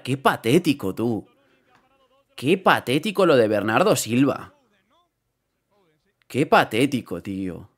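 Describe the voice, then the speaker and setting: Excitable man reacting to football. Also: medium pitch. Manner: excitable, swearing, repeats phrases. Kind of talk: live reaction commentary.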